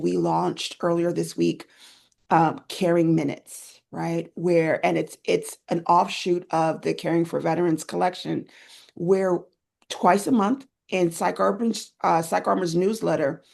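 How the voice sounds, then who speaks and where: A woman guest in an interview, talking with enthusiasm and acting out little scenes as she tells them. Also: vocal fry. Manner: enthusiastic storyteller, lively swings in pitch when retelling scenes. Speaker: guest, end-of-life doula educator. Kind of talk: conversational interview.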